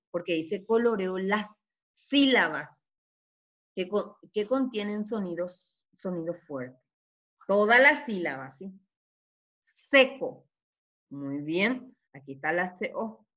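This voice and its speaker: A woman teacher giving a children's reading lesson, sounding out syllables carefully and often checking in with a quick question. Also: fairly low pitch, animated, a bit bright, lo-fi sound. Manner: slow and deliberate, often checking with "¿sí?".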